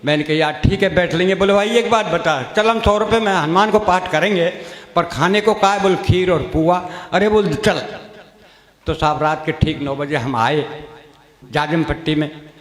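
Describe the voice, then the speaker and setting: A man's voice: on the high side, normal speed. A man, telling rustic comic stories on stage and voicing every character in turn. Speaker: stand-up comedian. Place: stage at a comedy gathering. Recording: echoey hall, long reverb.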